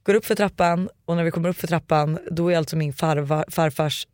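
Animated man telling a ghost story. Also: on the high side, clear, resonant tone, no room sound, studio quality. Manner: animated storyteller, acts out quotes. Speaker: podcast host. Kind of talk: casual podcast chat, telling ghost stories.

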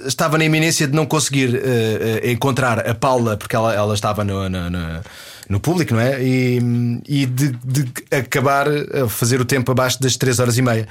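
A man with a European Portuguese accent tells a long story in casual chat. He stumbles, restarts and slips in deadpan jokes, at an ordinary middle pitch. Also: fairly quick. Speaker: guest.

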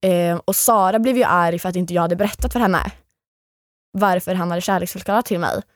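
A woman's voice: lowish voice, dry recording, clean studio sound. A young woman, a guest in an interview, telling a story with lots of energy and acting out what other people said. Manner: animated storytelling, acts out quoted lines. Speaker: guest, former reality show contestant.

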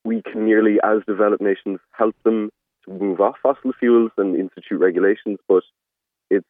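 A man's voice: on the low side, fairly even intonation, normal speed, dry recording. A man calling a radio phone-in, making his argument in a hesitant, polite, hedging way. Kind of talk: tentative spoken argument. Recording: muffled narrow phone line.

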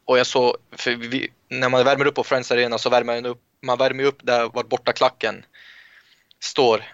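A young man from Sweden, a footballer guest in an interview, telling relaxed anecdotes with frequent restarts. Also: medium pitch, clear, resonant tone, no room sound, lo-fi sound. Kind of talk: casual interview storytelling.

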